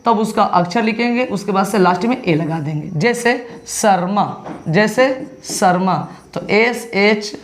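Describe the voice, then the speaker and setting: A man's voice: sits high, unhurried, slight background noise. A male teacher giving an online exam-prep lesson, spelling words letter by letter and answering his own questions. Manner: asks questions then answers them himself.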